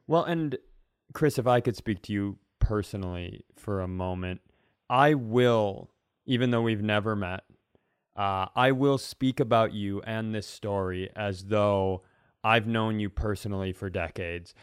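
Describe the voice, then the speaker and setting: A middle-aged man co-hosts a comedy podcast, bantering and telling stories casually with a mock-earnest air. His voice is on the low side, smooth, and measured in pace.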